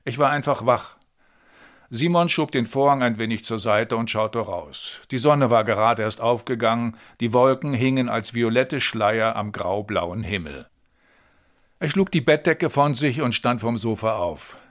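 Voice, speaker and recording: A man reading a German translation of a novel excerpt in a calm, measured literary style. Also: medium pitch.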